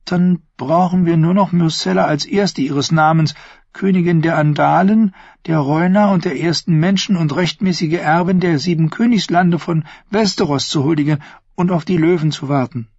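A man performs an audiobook character, a scheming young woman with a sweet, lilting voice, pushing his pitch a little high. His tone is darkish and husky at a moderate pace, captured in a dry, dull lo-fi recording.

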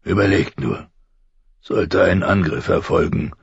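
A man voicing a stern, weary old military commander with a deep, gravelly voice. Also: a little slow, no echo, dull audio, heavily acted.

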